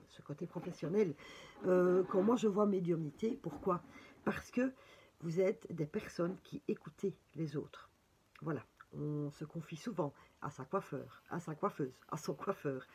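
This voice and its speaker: A woman's voice: low-pitched, warm tone, husky. A woman with a Belgian French accent giving a casual horoscope reading with cards, chatty and full of fillers and exclamations. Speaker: tarot reader.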